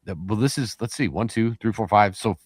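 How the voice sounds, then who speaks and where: A man's voice: lowish voice, brisk, dry recording, studio quality. A man co-hosting a sports podcast, chatting casually and rambling with lots of fillers and restarts. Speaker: podcast co-host.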